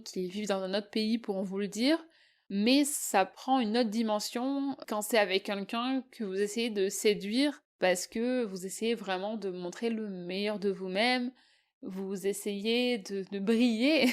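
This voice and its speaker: Her mid-range, slightly mellow voice carries a relaxed podcast conversation. The host is a French woman from southeast France, friendly and chatty, often pausing in hesitation.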